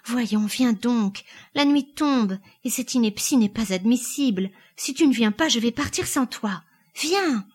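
A woman's voice: mid-range voice, lively intonation, moderate pace, hardly any pauses, husky. A woman reading aloud, voicing an anxious young wife who pleads in a strained, urgent way. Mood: pleading. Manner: pleading, then coldly firm.

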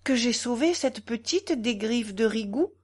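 A woman's voice: fairly high pitch, lively intonation, a little slow, a little mellow, husky, voice pushed up. A woman reading aloud, voicing an adult countess who speaks with dismay.

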